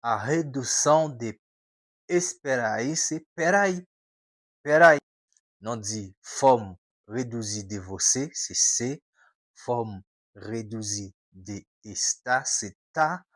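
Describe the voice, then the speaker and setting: Haitian-accented male language tutor, unhurried and careful, dry close sound, drills phrases again and again. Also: mid-range voice, no room sound. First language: Haitian Creole. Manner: repeats example phrases slowly, mixing in French words. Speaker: language teacher. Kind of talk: informal language lesson.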